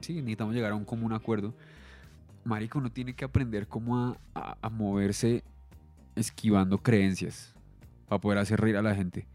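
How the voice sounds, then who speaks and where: A man's voice: on the low side, steady tone, moderate pace, a little mellow, soft background music. A man with a Colombian accent, a comedian co-hosting a casual podcast chat, laid-back and crude with lots of slang.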